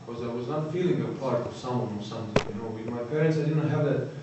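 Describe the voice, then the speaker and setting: Croatian man, halting talk in an echoey hall. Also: medium pitch, lo-fi sound. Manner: halting, searching for words, frequent "you know". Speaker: recovering addict giving testimony. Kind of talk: personal testimony talk. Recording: echoey hall, distant mic, faint noise.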